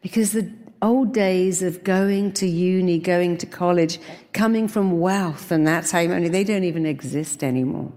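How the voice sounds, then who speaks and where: A woman's voice: fairly low pitch, normal speed, a little mellow, long reverb tail. A woman giving an emphatic, commanding motivational seminar speech, using short repeated phrases to lead affirmations. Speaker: motivational speaker leading affirmations. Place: large hall with an audience.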